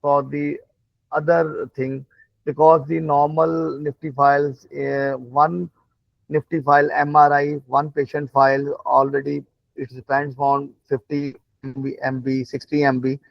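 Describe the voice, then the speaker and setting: A man who is a non-native English speaker, instructing a live online class in a halting, repetitive way, often checking that listeners follow. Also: fairly high pitch, flat delivery, gravelly, no echo. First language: not English. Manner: halting, repetitive explaining with frequent check-in questions. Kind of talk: live online lesson, explaining while demonstrating on screen. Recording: dull, lo-fi online call audio.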